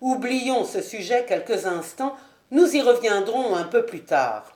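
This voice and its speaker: A woman voicing a dignified, proud marquis who speaks formally and gravely, in a roomy recording. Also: on the high side, big pitch swings, unhurried, darkish tone.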